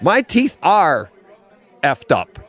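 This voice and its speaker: A middle-aged man co-hosts a casual podcast from a comic bookstore, telling an animated story and laughing often. His pitch is fairly high and he speaks extremely slowly, with some chatter in the background.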